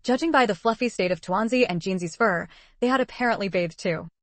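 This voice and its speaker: Female narrator, even and steady, mid pitch, dry close sound. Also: brisk, dry recording. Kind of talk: audiobook narration.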